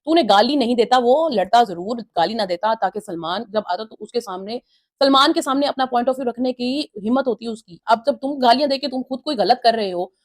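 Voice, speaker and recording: A woman's voice: a little high, expressive, a little fast. A woman giving a casual, opinionated review of a reality show episode, retelling the housemates' quarrels and mimicking their lines.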